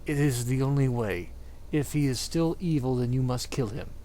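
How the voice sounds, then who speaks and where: Here a man with a dark-toned, mid-range voice delivers fan fiction in an over-the-top, mock-dramatic style at normal speed. It's an amateur reading, theatrical and exaggerated, punctuated by frequent giggling.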